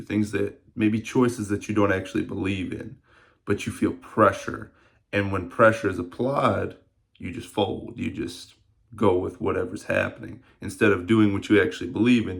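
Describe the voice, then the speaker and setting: A fitness vlogger in his early twenties talks casually to camera, rambling and reflective with many fillers. His voice is lowish and gravelly.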